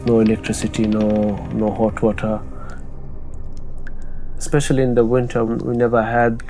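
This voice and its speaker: A young man, telling his own story in a halting, soft-spoken way with many pauses and restarts. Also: fairly low pitch, monotone, soft background music. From Bangladesh. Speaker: interviewee. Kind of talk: personal testimony.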